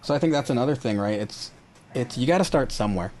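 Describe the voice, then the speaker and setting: A man hosting a casual interview, relaxed and supportive as he asks about starting a business. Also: medium pitch, quick pace, slight background noise. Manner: relaxed, easygoing, supportive, many fillers. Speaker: podcast host.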